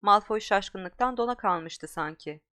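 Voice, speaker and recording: A woman's voice: mid-range voice, unhurried, a bit bright. A woman reading an audiobook as a narrator, telling the story expressively. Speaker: audiobook reader.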